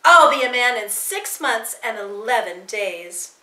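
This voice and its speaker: A woman voicing a defiant twelve-year-old boy who shouts back at his captors. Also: a little high, very animated, a little slow, reverberant, heavily acted, poor audio.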